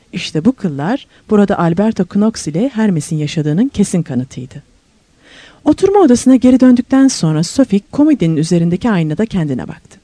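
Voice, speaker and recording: A woman's voice: medium pitch, mellow, no room sound. A woman narrating a novel aloud as an audiobook reader, telling the story expressively and lifting her voice for questions and moments of wonder.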